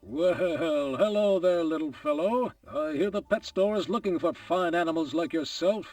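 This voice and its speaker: A man voicing a friendly but scheming pet store man in a cartoon game, with a smooth, ingratiating way of talking. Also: fairly high pitch, normal speed, a little mellow, natural voice. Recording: game audio, distant, music behind.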